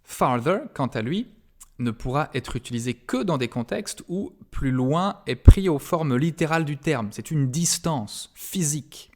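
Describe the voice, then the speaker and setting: A male university lecturer giving a recorded grammar lesson, patient and explanatory, often hesitating with fillers and slowing down to stress key words. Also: a little high, expressive, darkish tone.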